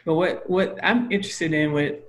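Man, slightly higher pitch; hesitant, musing sports-chat co-host. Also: steady tone, normal speed, a bit bright. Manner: musing, hesitant, many fillers and restarts. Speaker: podcast co-host.

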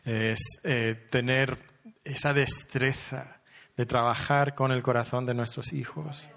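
A man leading a closing prayer slowly and solemnly at a conference. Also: mid-range voice, fairly even intonation, vocal fry, fairly bright tone. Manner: slow, solemn, deliberate. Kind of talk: public prayer.

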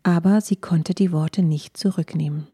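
A woman narrating a children's audiobook with expressive storytelling. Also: lowish voice, normal speed, husky, no room sound, clean studio sound.

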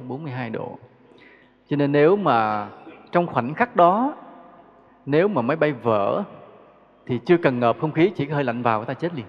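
Male Buddhist teacher, relaxed sermon full of questions; dull recording in a reverberant hall. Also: medium pitch. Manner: conversational, rhetorical questions, chuckles. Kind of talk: dharma talk.

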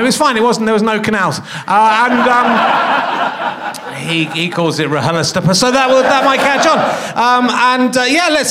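A man's voice: high-pitched, background noise. A man of fifty hosting a live comedy podcast on a theatre stage, chatting in a self-mocking, rambling way full of fillers. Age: 50s. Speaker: podcast host. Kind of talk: comic stage banter.

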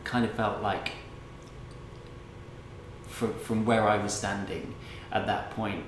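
A man's voice: fairly low pitch, steady tone, slow pace. A man hosting a casual chat, rambling and reflective with many fillers. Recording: roomy echo, background noise.

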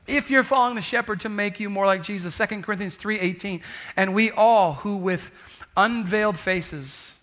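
A man's voice: high voice, sharp tone. A man preaching a conversational sermon as a pastor, emphatic and repeating phrases for effect.

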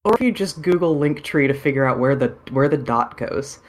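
A podcast co-host speaking in a relaxed, wry, casual way. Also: mid-range voice, a little fast, slight background noise.

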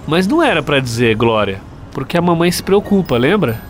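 A Brazilian actor playing a gentle, devoted, affectionate husband and father in a radio soap opera. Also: fairly high pitch, very animated, a little fast, a little hiss or hum.

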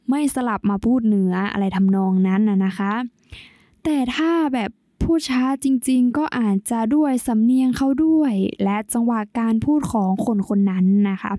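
A young woman talks through her podcast in a chatty, explaining way. Her voice sits a little high, with a soft, mellow tone. She is recorded close and dry, with no room sound. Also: no room sound. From Nan, northern Thailand. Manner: chatty and explanatory, polite sentence endings. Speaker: podcast host. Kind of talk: solo podcast talk.

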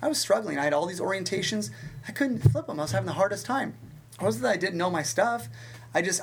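A man with a fairly high voice tells stories as a guest in a relaxed interview. He is animated, and his voice jumps up and down in pitch as he goes. He often restarts his sentences mid-thought. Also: slight background noise. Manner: animated storyteller with big pitch swings and quick restarts. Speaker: fitness instructor and guest. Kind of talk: storytelling in a conversational interview.

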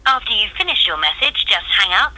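Bright woman voicemail message over the phone, polite scripted prompt, bouncy pitch. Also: big pitch swings, brisk. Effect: heard over a phone line. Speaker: voicemail greeting. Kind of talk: recorded automated phone message.

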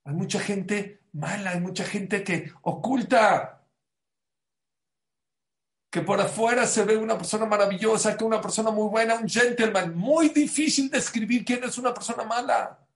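A man giving a sermon, mixing a story into his teaching, swinging between loud emphasis and hushed asides. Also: sits high, moderate pace, echoey room. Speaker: religious teacher. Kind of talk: sermon with anecdote.

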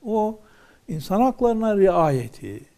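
A man's voice: high voice, big pitch swings, slow, mellow. A man teaching from a religious text, reading ornate old wording aloud and then explaining each phrase in plain words.

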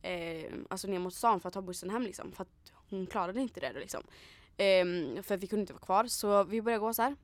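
A woman's voice: mid-range voice, dry recording. A young woman from Sweden in casual chat, retelling a night out with acted quotes and lots of fillers. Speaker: storyteller in a chat.

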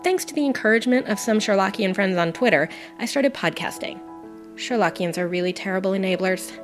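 A woman guest podcaster reads a personal essay in an earnest, enthusiastic, reflective way. Her voice is medium-pitched and a little fast, with background music playing under it.

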